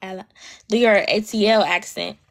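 A woman's voice: medium pitch, fairly even intonation. A young woman, chatting playfully and teasing her co-host on a livestream. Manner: playful, teasing, quick to laugh. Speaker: TikTok live co-host. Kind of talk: casual chat.

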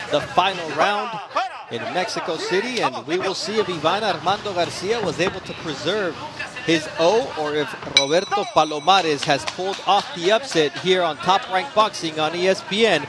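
A man giving live boxing play-by-play commentary as a broadcaster, measured and descriptive. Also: fairly high pitch, a loud crowd.

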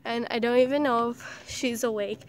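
A young woman from Canada, hoarse with the flu, chatting in a self-mocking way as she vlogs outdoors. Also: on the high side, fairly even intonation, moderate pace. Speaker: vlogger. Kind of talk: casual vlog while walking outdoors. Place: outdoors in a small town.

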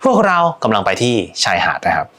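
A man teaching English as a tutor, chatting straight to his students and slowing right down to model example sentences. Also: on the low side, huge pitch swings, bright, forceful tone. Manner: chatty, addresses students directly. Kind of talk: language lesson.

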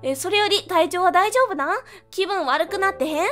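A woman's voice: very high voice, moderate pace, a bit bright, faint music behind, voice pushed up. A woman voicing a cheerful young female Osaka waitress in a put-on Kansai accent, reading game dialogue aloud in a bubbly, chatty way. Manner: bubbly, reassuring, chatty dialect.

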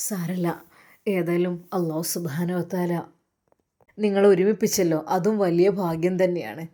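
A woman voicing a gentle young man who calmly comforts his weeping sister, in a Malappuram accent. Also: lowish voice, normal speed, pitched below the performer's own voice, close to an everyday voice. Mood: gently consoling. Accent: Malappuram Malayalam. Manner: soft, calm, reassuring.

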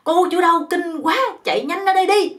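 A woman voicing an angry, fussy young man who shouts indignantly. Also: extremely high pitch, brisk, pitched above the performer's own voice. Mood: outraged.

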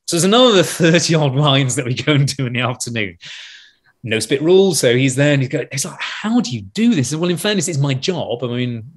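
Husky man telling a wild story. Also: medium pitch. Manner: animated storyteller, acts out quotes, laughs mid-sentence. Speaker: wine expert telling a story. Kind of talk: casual anecdote on a podcast.

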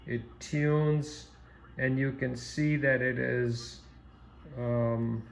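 Gravelly man demoing gear in a hotel room. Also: medium pitch, fairly even intonation, a little hiss or hum. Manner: halting, many ums and uhs, step-by-step. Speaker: product demonstrator. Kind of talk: casual off-the-cuff demo narration. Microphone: phone camera filming a TV screen, voice off camera.

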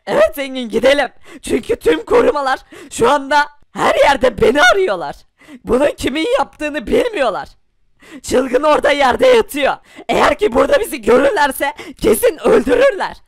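A man's voice: very high-pitched, huge pitch swings, moderate pace, no room sound, clean studio sound, heavily acted. A man voicing a panicky, tearful poor young man who talks in a breathless, pleading way, crying through his words. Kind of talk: hobby animation voice acting.

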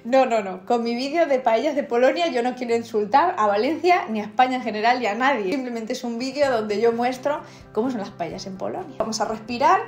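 A young woman answers comments in a casual vlog, teasing and laughing as she reads them. Her voice sits a little high and rings in an echoey room, with faint music underneath. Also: animated, fairly quick. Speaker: YouTuber. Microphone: compact camera.

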